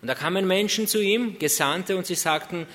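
A man's voice: high-pitched, a little fast, fairly bright tone, long reverb tail. A man preaching a sermon, earnest, asking rhetorical questions and drawing out key words.

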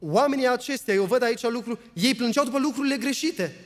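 Man, preacher, high voice, earnest sermon, rhetorical questions, reverberant church hall. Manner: reads scripture aloud at length.

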